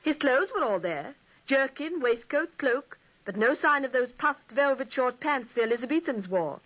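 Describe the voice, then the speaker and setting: In a 1940s radio play, an actress voices a young woman, the storytelling sister, dramatically recounting a spooky ghost legend. Her voice is high with lively intonation at normal speed, and the audio sounds dull.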